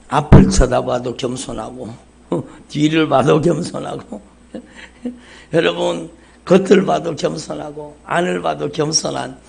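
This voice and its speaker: On a live stream of a church service, a male pastor in the sanctuary delivers a fervent, repetitive sermon, calling to the congregation again and again and repeating "여러분" and "정말로." He has a fairly high-pitched, gravelly voice with a darkish tone.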